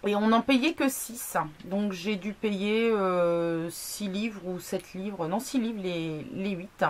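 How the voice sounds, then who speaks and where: A woman's voice: mid-range voice, takes it slowly. A woman vlogging a casual product review, chatty, with many fillers, asides and self-mocking jokes. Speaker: beauty blogger.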